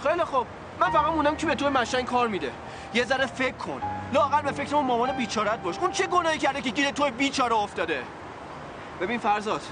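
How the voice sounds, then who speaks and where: An actor playing a young man who coaxes and scolds his stubborn friend in a TV drama, with music behind. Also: very high-pitched. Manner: coaxing, exasperated, scolding friend. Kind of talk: TV drama acting.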